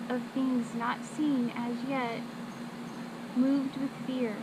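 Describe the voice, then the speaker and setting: A woman recites Bible verses by rote, as if from memory. Her voice sits a little high and moves very slowly, in short measured phrases separated by pauses. Loud noise runs behind her throughout the recording. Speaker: scripture reciter. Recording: loud steady background noise.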